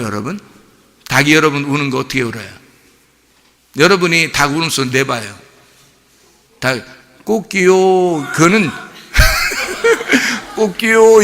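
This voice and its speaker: A middle-aged man preaching a sermon as pastor, telling a story in an animated way and imitating animal cries. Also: fairly high pitch, gravelly. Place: church sanctuary. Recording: long reverb of a church hall.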